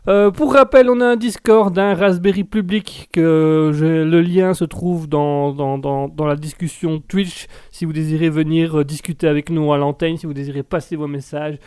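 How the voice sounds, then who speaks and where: A man hosting a live stream show, chatting in a casual, self-mocking comic way while a little ill and clearing his throat. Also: a little high, steady tone, moderate pace, few pauses, a little mellow, dry recording.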